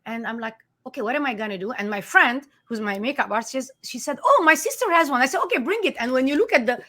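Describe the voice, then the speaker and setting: Her voice is high, bright and forceful, moving quickly with lively intonation. This Armenian-born author and life coach gives an earnest, emphatic conversational interview, frequently breaking off to start her sentences over.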